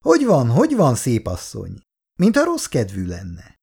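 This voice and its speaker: A man's voice: medium pitch, huge pitch swings, vocal fry, a little mellow, slightly rough, voice pushed up, full character voice. A man doing a sneering, smug office clerk. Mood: mocking. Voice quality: mocking, smug.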